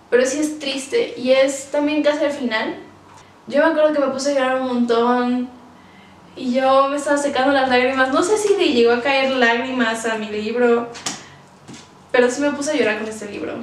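A woman's voice: sits high, steady tone, normal speed. A woman casually reviewing books for her vlog, chatty and emotional, with many fillers. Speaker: book vlogger. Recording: roomy, distant from the mic.

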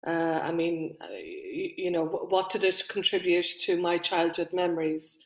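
A woman's voice: on the low side, level tone, normal speed. A woman guest on a video call, joking in a dry, blunt way. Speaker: guest comedic actress. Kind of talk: casual chat on a video call. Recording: roomy with faint noise.

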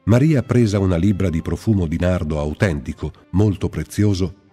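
A man giving a slow, measured, reverent scripture reading. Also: sits low, mellow, breathy edge, faint music behind. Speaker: Bible reader. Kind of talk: solemn scripted Bible reading. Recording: long hall reverb.

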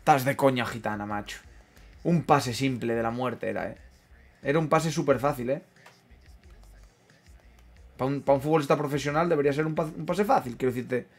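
Excitable Asturian man commentating his game. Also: medium pitch, normal speed, long pauses, soft background music. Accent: Asturian Spanish. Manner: excitable, swears freely, repeats himself, reacts loudly to plays. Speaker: gaming streamer. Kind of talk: casual live commentary over a football video game.

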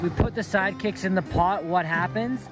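A young man with a high-sitting voice at normal speed chats playfully and enthusiastically as a hiking vlogger, holding an action camera at arm's length. He's out on a mountain trail and at a small wooden hut, with background music playing under his voice.

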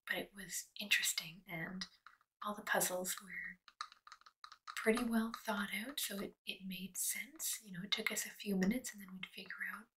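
A woman whispers through a soft-spoken ASMR unboxing, chatty and relaxed. She talks slowly and unhurriedly. The mic sits a little way off, with a faint hiss underneath. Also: medium pitch, far from the mic. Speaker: ASMR creator.

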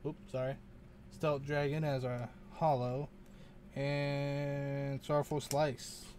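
A man's voice: mid-range voice, little pitch movement, slow, darkish tone, a little hiss or hum. A man hosting a casual unboxing video, rambling and muttering to himself, often unsure how to say things. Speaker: channel host opening card packs.

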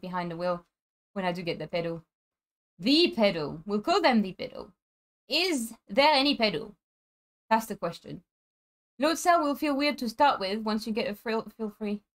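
A woman streaming a racing game, chatting casually with viewers in an excitable way. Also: fairly high pitch. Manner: chatty, excitable, frequent laughs and restarts. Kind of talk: casual live-stream chat while racing.

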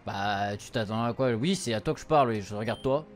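A young adult male streamer does a casual let's play, translating game dialogue and reading it aloud in loose, slangy language. His fairly low voice moves at a brisk clip. Video game music plays behind him.

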